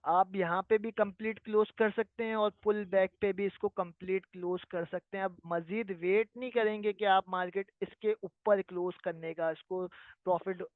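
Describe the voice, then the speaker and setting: A man's voice: high-pitched, steady tone, moderate pace, no room sound. A man teaching a live online trading lesson, patiently explaining and often checking that his listeners follow. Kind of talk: live online lesson answering viewer questions. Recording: tinny phone-like sound, dry.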